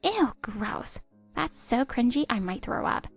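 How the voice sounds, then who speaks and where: Woman doing spiteful 20s stepdaughter, high voice with gravelly fry, sneering. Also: sing-song, moderate pace, no room sound, soft background music, heavily acted. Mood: scornful. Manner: sneering, cutting, contemptuous. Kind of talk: text-story voice acting.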